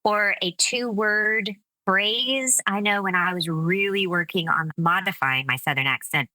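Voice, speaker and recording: Slow, bright-voiced woman speech coach. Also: medium pitch, no echo, low-quality recording. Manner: measured, explanatory. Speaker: speech coach and accent specialist. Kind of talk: conversational interview.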